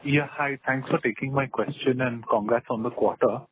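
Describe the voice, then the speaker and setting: A man's voice: medium pitch, steady tone, normal speed. A man on a conference call asking polite but probing questions over the phone on a breaking line. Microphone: phone handset. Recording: tinny phone line with faint noise.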